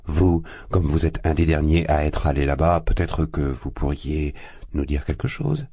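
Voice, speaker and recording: A man's voice: rumbling low, moderate pace, vocal fry, mellow, no room sound, clean studio sound, heavily acted. A man voicing a sly, affable magistrate who talks with chatty, feigned good humor. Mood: jovial. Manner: jovial, chatty, feigned bonhomie. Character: affable sly middle-aged male magistrate.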